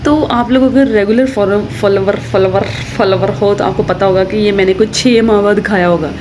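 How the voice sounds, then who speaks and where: A woman's voice: mid-range voice, fairly even intonation, fairly quick. A woman, chatting directly to her viewers in a casual home vlog. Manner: chatty, talks straight to viewers. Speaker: lifestyle vlogger. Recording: noisy home recording.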